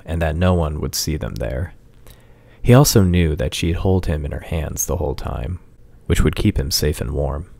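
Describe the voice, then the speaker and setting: A man reading a fantasy story aloud in scripted narration, slow and measured. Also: extremely low pitch, gravelly, mellow, no room sound.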